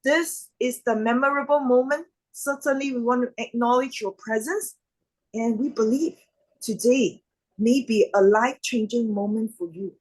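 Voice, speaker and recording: High-voiced woman hosting an online event. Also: moderate pace, darkish tone, rough recording. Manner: upbeat, formal announcer phrasing. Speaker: event host. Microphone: video call.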